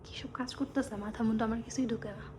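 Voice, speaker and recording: A woman's voice: a little high, steady tone, racing, noisy background. A woman from Bangladesh vlogging at home, chatty and often checking in with viewers. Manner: chatty, keeps asking viewers "okay?", hushed when sneaking. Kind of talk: casual vlog to camera. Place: home in Singapore.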